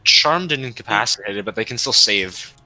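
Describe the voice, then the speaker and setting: Male tabletop player, fairly deep but crisp and forceful, casual game chat. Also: animated, normal speed, rough recording.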